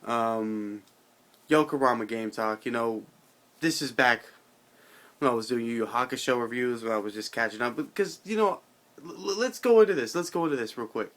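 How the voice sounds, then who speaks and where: A man's voice: medium pitch, fairly bright tone. Drunk, rambling man. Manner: loose, halting, repetitive, slangy with swearing. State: drunk, somewhat intoxicated and tired. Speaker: video channel host. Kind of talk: casual rambling vlog monologue.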